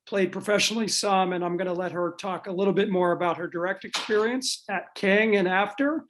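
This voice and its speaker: A man's voice: high-pitched, a little fast, noisy background. A man hosts an online school athletics panel. He introduces guests with eager praise and talks with plenty of "uh"s. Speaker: dean of athletics, event host.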